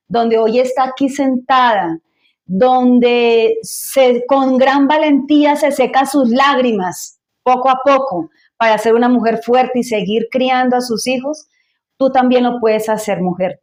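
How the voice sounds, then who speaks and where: A woman's voice: fairly high pitch, darkish tone. A woman hosting a church interview program, who exhorts listeners in an uplifting, preaching way.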